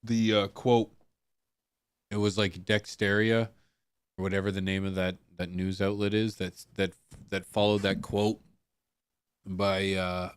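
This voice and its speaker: Low-voiced male streamer in loose chat. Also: level tone, measured pace, pauses often, smooth, no room sound. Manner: loose, rambling, swearing, with restarts. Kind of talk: casual chat. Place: home streaming setup.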